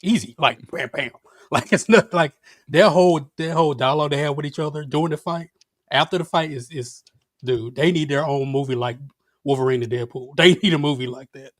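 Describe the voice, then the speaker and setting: A man's voice: a little high, fairly quick, fairly bright tone, no echo. Rambling man with a dry close sound. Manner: rambling, laughs between points, many fillers. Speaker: show panelist. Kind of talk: casual chat.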